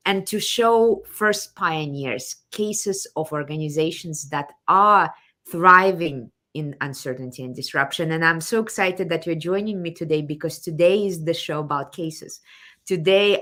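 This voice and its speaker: A woman's voice: deep voice, fairly bright tone. A woman from Kazakhstan hosting a live online show, enthusiastic and fond of repeating her welcomes. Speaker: show host.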